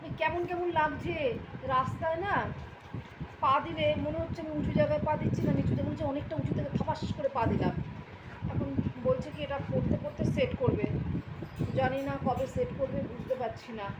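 A woman's voice: high-pitched, expressive, a little fast. A middle-aged woman, chatting casually and with exasperated humour in a home vlog. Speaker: vlogger. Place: home, indoors. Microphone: handheld phone camera. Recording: roomy home with loud noise.

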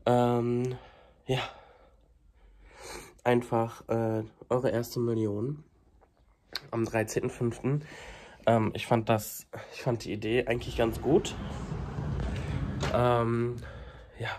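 Filming a casual daily vlog indoors in his small home kitchen and flat, a young man with a stuffy cold coughs and stumbles through lots of fillers, phone held out at arm's length. His mid-range voice is level and darkish, with slight background noise.

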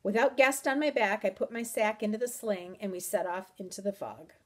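A woman teacher reading a chapter book aloud to her students with measured, expressive delivery. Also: mid-range voice. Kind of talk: storybook read-aloud.

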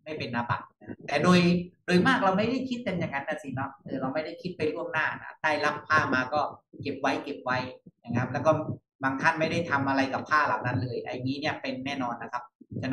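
A man, a monk, teaching monastic discipline over a video call in an unhurried way, repeating phrases and softening them with polite particles. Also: medium pitch, echoey room, distant mic, rough recording.

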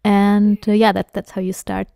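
A woman's voice: medium pitch, flat delivery, normal speed, gravelly, warm tone. A woman talking as a parrot trainer in a chatty, enthusiastic voice-over, with small fillers. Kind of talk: instructional voice-over narration.

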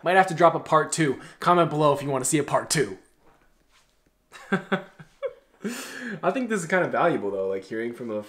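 A man in his twenties hosting a relaxed Q&A from a dim bedroom, joking around and giving blunt, direct advice. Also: fairly high pitch, moderate pace, long pauses. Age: 20s. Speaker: host. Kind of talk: casual Q&A chat.

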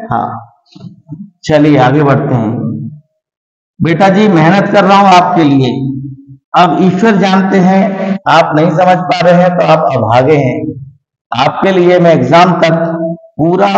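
A man teaches a chemistry lesson, coaxing his students and repeating each key term several times. His voice sits slightly high. The room is echoey with a long reverb tail, and the recording sounds dull and muffled. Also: darkish tone. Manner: coaxing, calls students beta ji and babu. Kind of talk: board-exam chemistry lesson.

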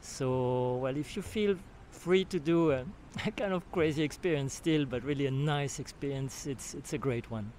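A retreat participant, an older Swiss man with a French accent, speaks a testimonial into a handheld recorder near his mouth while outdoors at a beach camp. His medium-pitched, darkish voice keeps a moderate pace with few pauses, yet he often searches for words and restarts, with slight background noise.

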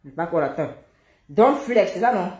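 A woman's voice: on the low side, animated, normal speed, darkish tone. A woman, chatting playfully and joking as she breaks into song, a little out of breath. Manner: playful, chatty, breaks into sung worship lines. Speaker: singer. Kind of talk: casual chat with singing. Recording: echoey room with music behind.

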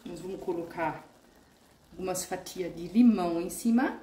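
A woman with a lowish, warm voice walks through a home recipe step by step at a moderate pace, her kitchen sounding reverberant. She hosts a vegan cooking channel, and her casual tutorial is chatty and homey, full of diminutives and fillers.

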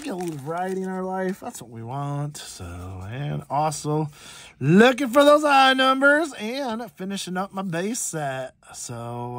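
With a fairly high, fairly bright voice and no room sound, a man who collects cards and runs a channel rambles through a casual pack opening, using many fillers.

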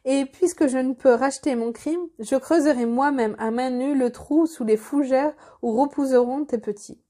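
A woman's voice: sits high, normal speed, warm tone, lightly acted. A woman reading aloud the lines of a humbled, noble young prince in a storybook, with solemn, formal speech. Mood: earnest.

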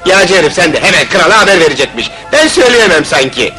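An actor playing a haughty, bossy royal vizier who grumbles and gives orders in a fairy-tale film. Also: male voice, sits high, big pitch swings, quick pace. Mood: indignant. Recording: old film soundtrack with music behind.

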